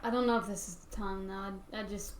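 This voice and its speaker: A woman playing in a tabletop game, talking in a slow, drowsy way. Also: medium pitch, fairly even intonation. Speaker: player. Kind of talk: casual tabletop play. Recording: echoey room, distant mic, background noise.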